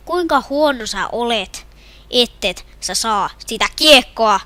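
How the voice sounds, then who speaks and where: A young woman with a Finnish accent commenting on her own hockey video game match, shouting and groaning at the plays. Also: a little high, animated, no room sound. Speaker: gamer. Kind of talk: gameplay commentary.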